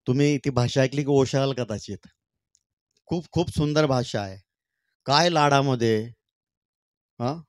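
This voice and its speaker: A middle-aged man performing poems on stage. He sings slow, drawn-out refrains and then talks casually with the audience. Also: mid-range voice, no room sound, clean studio sound. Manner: sings poem refrains slowly and loudly, then talks warmly and chattily to the crowd. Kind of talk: stage poetry recital with talk to the crowd. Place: stage at a public event.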